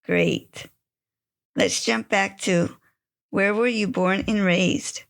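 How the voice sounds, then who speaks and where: A woman's voice: mid-range voice, steady tone, slow pace, gravelly. A woman hosting a podcast, reading a scripted introduction and then asking interview questions with enthusiasm. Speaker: podcast host.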